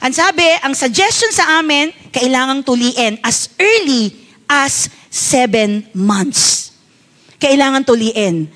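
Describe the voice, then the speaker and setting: A woman's voice: high-pitched, slow pace, a bit bright. A woman pastor with a Filipino accent preaching a sermon, telling a story as a mother and often asking her congregation for agreement. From Philippines. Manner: tells a personal story as a mother.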